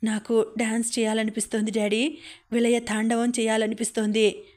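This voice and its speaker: A woman reading the lines of a gravely ill young woman in a weak, gentle, halting way. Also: fairly high pitch, monotone, natural voice. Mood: tender, weak.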